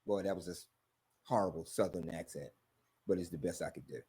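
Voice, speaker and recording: A man's voice: deep voice, a little fast, dark tone, husky. A man hosting a sermon-style commentary, talking in an emphatic, repetitive preaching cadence. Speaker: host.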